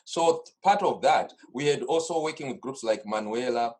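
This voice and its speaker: Guesting on a video call from a home studio desk, a middle-aged carnival organiser from Zimbabwe talks casually and at length. His medium-pitched, darkish voice is expressive and moves at normal speed, and his storytelling rambles with many restarts.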